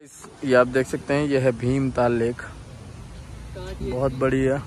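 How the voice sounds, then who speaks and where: A man's voice: mid-range voice, little pitch movement, unhurried, darkish tone, low-quality recording. A man in his thirties vlogging a road trip, pointing out views and places to viewers as he drives and walks outdoors, filmed on a handheld phone. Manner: enthusiastic, points things out to viewers. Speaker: travel vlogger. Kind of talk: casual travel vlog narration. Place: outdoors on hill roads and in a car. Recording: outdoor traffic and wind noise.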